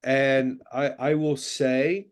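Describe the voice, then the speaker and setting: A man interviewing a guest in a casual chat, speaking in a relaxed, measured way. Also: mid-range voice. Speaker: interviewer, journalist.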